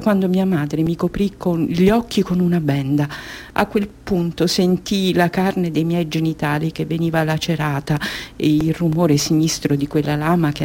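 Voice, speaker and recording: An actress as a hushed young girl. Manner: hushed, low-voiced first-person telling. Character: young Somali girl recounting her ordeal. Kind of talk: radio drama monologue.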